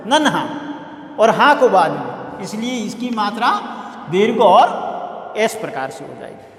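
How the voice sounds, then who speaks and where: A man's voice: high voice, sing-song, unhurried, slight background noise. A male college teacher giving a classroom lecture, repeating key words and asking the class questions as he explains. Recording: echoey room with long reverb.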